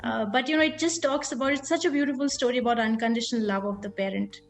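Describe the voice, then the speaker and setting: A woman's voice: fairly high pitch, fast. A woman guest in a conversational interview, explaining her points at length and retelling a children's story. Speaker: guest, school founder.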